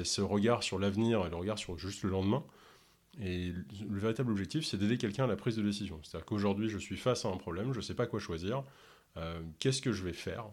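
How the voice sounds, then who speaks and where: A man from Ontario who speaks French with no accent, answering interview questions in a halting way with many fillers. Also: lowish voice. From Canada, Ontario. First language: English. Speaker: podcast host and health coach.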